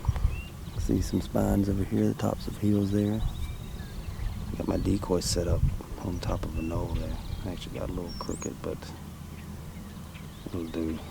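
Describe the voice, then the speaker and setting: Low, gravelly man vlogging outdoors. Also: flat delivery, measured pace, long pauses. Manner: plainspoken, low-key field talk, at times whispering. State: a little out of breath. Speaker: hunter filming his own hunt. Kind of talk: casual outdoor vlog narration. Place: outdoors in hilly prairie woods. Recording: outdoor field recording with background noise.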